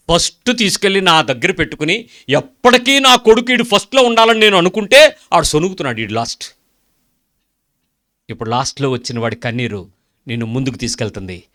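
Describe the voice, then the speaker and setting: A male preacher delivering a sermon with a forceful, bright tone and a slightly raised pitch. He presses his points with rhetorical questions and acts out prayers and dialogue as he talks. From India.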